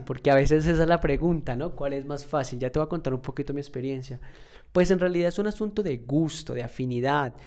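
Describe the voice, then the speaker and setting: This English teacher, a man with a slightly mellow mid-range voice, talks through a relaxed, explanatory lesson. He keeps it conversational, pausing to ask "¿listo?" or "¿verdad?", and his careful explanations include fillers and restarts.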